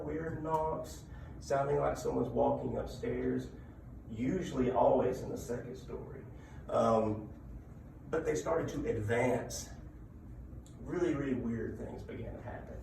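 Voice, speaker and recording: A man giving an informal talk of ghost stories and local legends, conversational, with dramatic pauses and check-ins with his listeners. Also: medium pitch, expressive, vocal fry, far from the mic. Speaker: public speaker telling local ghost stories. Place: indoor room at a library talk. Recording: echoey room from afar, background noise.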